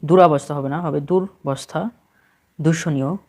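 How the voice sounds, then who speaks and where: A man's voice: fairly high pitch, normal speed, a little mellow. A man with a Bangladeshi Bengali accent reads a spelling list aloud for exam prep, steadily correcting each word in short phrases.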